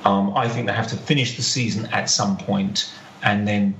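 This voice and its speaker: A man's voice: fairly low pitch, steady tone, moderate pace, a bit bright. A man giving opinions in a casual football discussion, arguing his case by restating points. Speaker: podcast panellist. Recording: roomy, muffled, faint background noise.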